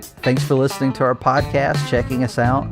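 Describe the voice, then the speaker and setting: A man's voice: medium pitch, little pitch movement, moderate pace, gravelly, over music. A man hosting a casual podcast, chatty and loose with frequent fillers. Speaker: podcast host.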